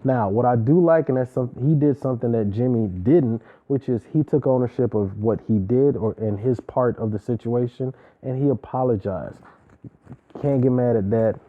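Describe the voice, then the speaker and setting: Over a tinny, phone-like recording, a mid-range male voice at a moderate pace delivers an opinionated, casual reality show recap. He's emphatic and slangy, with the occasional preachy aside.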